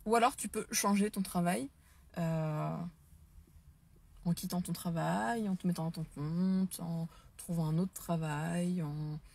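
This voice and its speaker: On this casual Facebook live, the French-speaking host, who teaches dance and neurotraining, talks unhurriedly in a lowish, gravelly, slightly mellow voice. Her enthusiasm is mixed with hesitation, and she fills pauses and restarts often.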